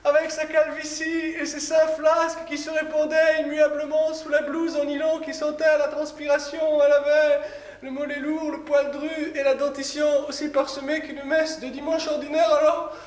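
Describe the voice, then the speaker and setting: An actor performing a theatre monologue as a bitter, obsessive lonely man, mocking, explosive and swinging between sneers and shouts. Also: very high-pitched, completely flat delivery, moderate pace, echoey room, long reverb tail. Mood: grieving. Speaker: stage actor. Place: theatre stage.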